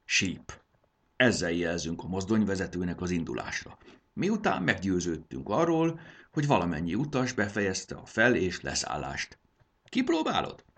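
A man playing a proud, kindly middle-aged train conductor in a children's story, explaining things warmly. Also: low voice, big pitch swings, exaggerated voice. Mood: eager.

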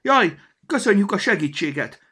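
A man's voice: medium pitch, sing-song, pitched above the performer's own voice. A man voicing a polite but firm young girl in a storybook reading.

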